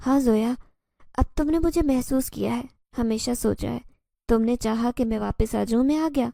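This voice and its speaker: A woman's voice: on the high side, vocal fry, warm tone, no room sound, clean studio sound. A woman voicing an obsessive, possessive male jinn who speaks intensely and insistently in a horror story.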